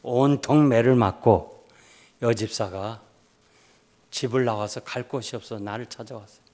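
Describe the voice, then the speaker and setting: An older man preaching a revival sermon as pastor, urging loudly one moment and telling a story softly the next. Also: medium pitch, normal speed. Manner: emphatic, swings between loud urging and soft storytelling.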